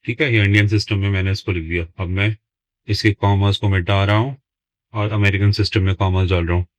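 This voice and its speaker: Man, maths teacher, very low voice, dry close sound, slow deliberate dictation. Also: steady tone, no room sound, low-quality recording. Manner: slow, deliberate, dictates numbers word by word while writing. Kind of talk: step-by-step lesson explanation.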